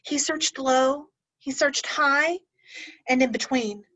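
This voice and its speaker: With a high, slow voice, a woman teacher reads a picture book aloud for children, animating the story and regularly stopping to ask them questions. It's captured in a dull, lo-fi recording.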